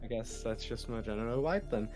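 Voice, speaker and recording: A man playing in a tabletop game, relaxed and dry, with self-deprecating humor. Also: medium pitch, brisk, faint music behind. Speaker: player. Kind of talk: casual chat.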